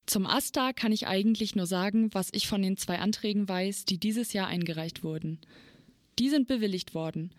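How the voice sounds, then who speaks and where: A woman's voice: medium pitch, moderate pace, dry recording, studio quality. A woman giving a short, matter-of-fact statement. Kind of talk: read-out statement.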